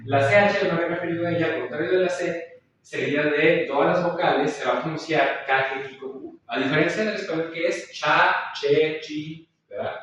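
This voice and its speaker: Speaking fast in a fairly high, fairly bright voice, a man patiently walks listeners through Latin pronunciation, repeating sounds and checking that they follow. This recorded course lecture has lo-fi sound, slight background noise, and an echoey room with his voice far from the mic.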